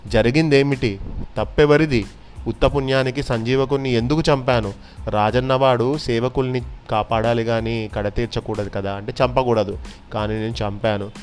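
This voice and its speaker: A man narrates a children's tale in an expressive, unhurried way. His voice sits at a middle pitch. Soft background music plays faintly behind him. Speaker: storyteller.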